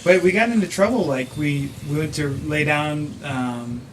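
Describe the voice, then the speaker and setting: A man's voice: fairly high pitch, animated, normal speed, background noise. A man in a band telling an anecdote in a casual chat, starting sentences over as he goes. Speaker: band member.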